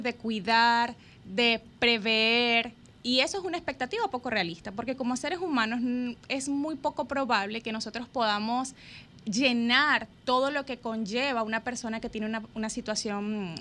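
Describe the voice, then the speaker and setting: A woman's voice: on the high side, bright, forceful tone. A woman behavior specialist speaking reflectively on a radio talk show, agreeing and elaborating.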